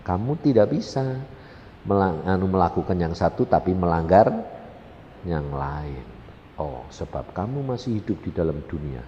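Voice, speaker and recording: A man voicing God as a gentle, fatherly figure who speaks slowly, low and hushed. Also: animated, highs cut off. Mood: patient. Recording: echoey hall, faint rumble.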